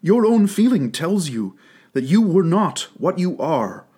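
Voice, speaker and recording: A man voicing a soft, sorrowful young woman. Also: high voice, sing-song, measured pace, husky, voice pushed up, full character voice. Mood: earnest. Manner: soft, pleading, rising tone. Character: gentle sorrowful young woman, grave and steady.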